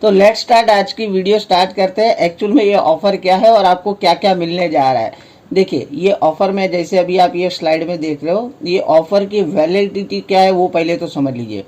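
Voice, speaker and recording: Mellow-voiced Indian man explaining a promotion. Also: high voice, moderate pace. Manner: explanatory, repeats and rephrases points, poses questions then answers them. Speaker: presenter explaining a sales promotion. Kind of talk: casual slide-by-slide explainer with promotional pitch.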